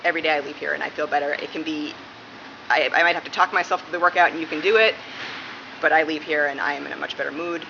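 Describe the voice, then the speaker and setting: In a casual interview, a police dispatcher from Massachusetts, United States, answers questions in a deep, steady voice at a quick pace. The recording is muffled and clearly made in a noisy room.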